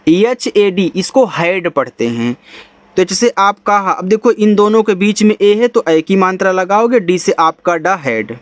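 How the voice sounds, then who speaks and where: Speaking at a measured pace with no echo, an animated man whose voice sits high teaches English reading in a Hindi-language lesson. With his Indian accent, he spells out every word letter by letter before sounding it out.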